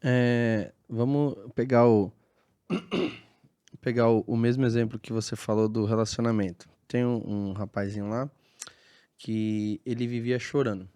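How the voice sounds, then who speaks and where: A man's voice: medium pitch, measured pace, clear, resonant tone. A man tells a story on a podcast. He acts out each exchange, and his voice keeps leaping up and dropping down as he plays the different people. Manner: animated, acts out dialogue in lively voices. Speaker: burger restaurant owner, guest.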